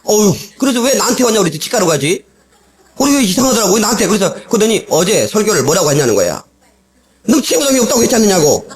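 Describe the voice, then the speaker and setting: A man's voice: high voice, quick pace. A male pastor giving a sermon full of personal testimony, telling stories with much laughter and acting out the voices of the people in them, recorded on an old cassette tape in a church. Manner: animated storytelling, acting out quoted voices, frequent laughter. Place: church sanctuary.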